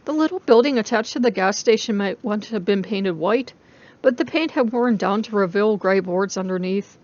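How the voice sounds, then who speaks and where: A woman with a medium-pitched voice narrates a story as a dramatic reading. The recording sounds somewhat muffled and lo-fi. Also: normal speed, a little mellow.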